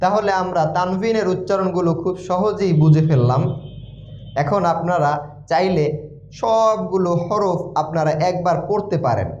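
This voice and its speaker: A man's voice: high voice, darkish tone, echoey room, highs cut off. A man teaching Quran reading, patiently spelling out letters and syllables and answering his own questions. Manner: patient, repeats syllables slowly, asks and answers himself. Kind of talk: recitation lesson, spelling out letters.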